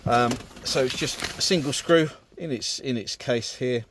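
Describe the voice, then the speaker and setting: Unhurried and mid-range in pitch, a British man chats easily to a handheld camera or phone as he presents an installation on his vehicle. The walk-through is informal and casual, with a noisy background.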